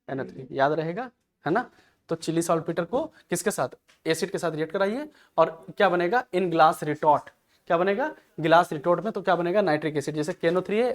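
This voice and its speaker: A male chemistry teacher giving an exam-prep lecture. He keeps asking rhetorical questions and answering them himself, and calls his students "beta". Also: high voice. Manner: addresses students affectionately as "beta".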